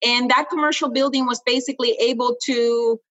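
Bright-voiced woman from Honduras. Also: fairly high pitch, fairly even intonation, muffled recording. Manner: quick, chatty, with many fillers and restarts. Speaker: guest entrepreneur. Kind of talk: casual interview talk.

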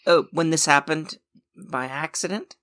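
A man's voice: a little high, unhurried, pushed and bright. A man voicing an impatient young apprentice who complains in an exasperated way, in an audio drama.

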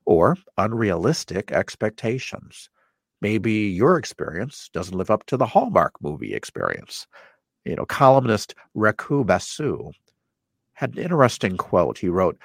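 A man's voice: on the low side, gravelly, no echo, studio quality. A male therapist hosting a podcast, talking in a congested voice in an earnest, conversational way. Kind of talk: solo podcast talk.

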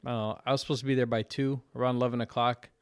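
A man's voice: mid-range voice, level tone, racing, clean tone, no room sound. A man on a casual podcast tells a story at an easy pace, slipping in crude jokes. His voice sits in a middling register, recorded close and dry with no room sound. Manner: laid-back storytelling, crude humor. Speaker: podcast co-host. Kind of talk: casual chat.

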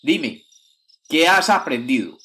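A furious old nobleman scolds his useless son, his voice climbing high and sharp, as a man reads him in a children's story. He sounds exasperated and stern. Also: big pitch swings, takes it slowly, full character voice. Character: old count, stern and quick-tempered father.

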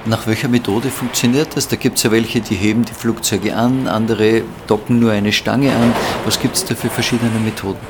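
A man's voice: on the low side, steady tone, moderate pace, hardly any pauses, background noise. A man asking questions as a podcast host. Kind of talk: interview questions.

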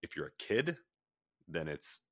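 A man with an extremely low voice tells a long, meandering story as a guest on an interview show. He leans on fillers and restarts, and the recording is dry and close. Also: sing-song, a little slow, a bit bright, husky, no echo. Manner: rambling, filler-heavy storytelling with many restarts. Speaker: guest, pet treat company founder.

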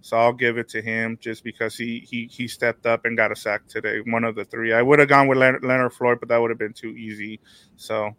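A man's voice: medium pitch, little pitch movement, fairly quick, pushed and bright, no room sound. A young man, a podcast producer and co-host, chatting easily on a post-game sports show and steering the talk along.

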